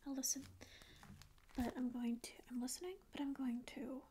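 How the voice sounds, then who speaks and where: Here the same whispered ASMR roleplay features a young woman with a high, fairly even voice at normal speed, natural but with a little hiss or hum. As a grumpy, curious sleep paralysis demon, secretly caring and feigning apathy, she keeps listening and reassuring while insisting she doesn't care, curt denials turning gentle. A close studio mic sits just off-frame in a small, dim room.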